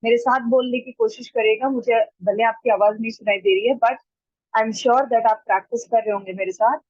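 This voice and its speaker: A woman teaching pronunciation in an online class. She repeats each word slowly and deliberately, mixing Hindi and as she explains. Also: on the high side, darkish tone, no echo, highs cut off. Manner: slow, deliberate repetition of words to model pronunciation. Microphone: computer mic during a screen-shared online class.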